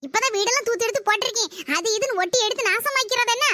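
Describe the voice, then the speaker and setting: A woman's voice: very high voice, racing, noisy background. A woman voicing a busy, scolding village mother with a Tirunelveli Tamil accent in a cartoon. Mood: grumbling.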